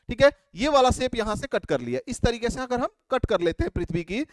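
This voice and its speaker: A man's voice: very high-pitched, no room sound. A man teaching at a board, asking questions and answering them himself, repeating key terms like a drill. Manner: drawing on a board while explaining. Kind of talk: whiteboard lecture.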